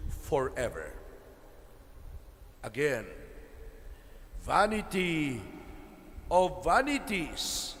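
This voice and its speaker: A male priest delivering a homily at a pulpit microphone in a church, slow and measured with dramatic pauses. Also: a little high, fairly bright tone, long reverb tail.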